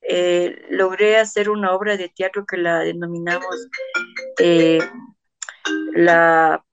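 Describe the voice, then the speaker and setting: A woman theatre artist telling a personal story in an interview. She talks earnestly, acts out the lines of the people in her story, and often pauses on fillers and restarts her sentences. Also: mid-range voice.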